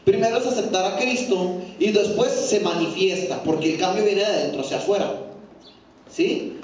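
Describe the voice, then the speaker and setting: A man teaching a Sunday school Bible class, often checking in with listeners with a quick "¿sí?" and putting questions to the class. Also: high-pitched, darkish tone. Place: echoey church room. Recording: very echoey room from far off.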